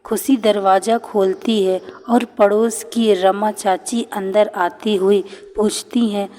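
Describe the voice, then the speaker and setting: Slow, mellow woman narrating a story. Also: medium pitch, fairly even intonation, slight background noise. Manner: slow, gentle storytelling with voiced dialogue. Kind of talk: scripted narration of a family story. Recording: long hall reverb.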